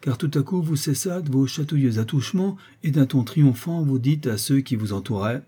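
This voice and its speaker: A man reads a classic novel aloud in a measured, expressive way. His voice is very dark and mellow, with a husky edge, and the telling stays steady from sentence to sentence. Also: medium pitch. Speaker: audiobook reader. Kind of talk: literary audiobook narration.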